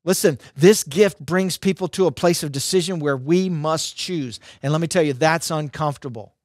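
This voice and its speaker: A man's voice: a little high, moderate pace, a little mellow, no room sound, clean studio sound. A middle-aged man giving a conversational sermon as a preacher, emphatic, with punchy short phrases and repetition, on a headset microphone. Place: dark indoor studio.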